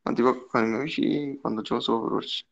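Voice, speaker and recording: A man's voice: mid-range voice, fairly even intonation, fast talker, vocal fry. A young man with a Neapolitan accent, chatting casually as a podcast co-host on a headset. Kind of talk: casual chat. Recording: dull lo-fi online call audio.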